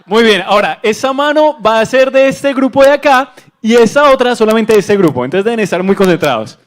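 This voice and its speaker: Playful man leading an auditorium game. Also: lively intonation. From Colombia. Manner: playful, drawn-out calls with pitch swings. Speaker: activity leader at a conference. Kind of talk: leading an audience call-and-response game. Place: large auditorium.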